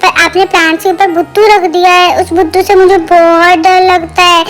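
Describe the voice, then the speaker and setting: A woman's voice: very high voice, little pitch movement, normal speed, fairly bright tone, faint music behind, voice pushed up. A woman doing a voice-over as a chatty toddler boy who pleads and complains in a childlike singsong. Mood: pleading. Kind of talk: voice-over for a baby.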